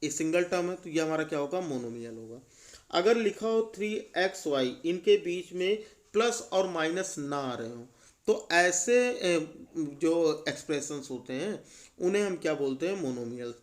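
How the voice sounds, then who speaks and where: A young man teaching a maths lesson, asking rhetorical questions and repeating checks, slowing on key terms. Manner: asks rhetorical questions, repeats "ठीक है" often; slows down on key terms, stresses answers low. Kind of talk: classroom lesson explanation.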